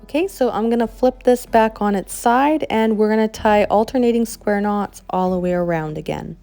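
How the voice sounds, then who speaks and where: A woman's voice: mid-range voice, normal speed, creaky, warm tone, soft background music. A woman with a Canadian accent, explaining a craft project step by step in a friendly, chatty way. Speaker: craft instructor. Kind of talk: tutorial voice-over.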